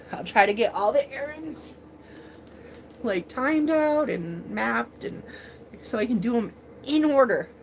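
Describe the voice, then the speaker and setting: A woman's voice: on the high side, lively intonation, slow pace, gravelly, long pauses, a little hiss or hum. Rambling woman in her forties, livestream chat. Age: 40s. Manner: rambling, filler-heavy, emotional, laughs often. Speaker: livestream host.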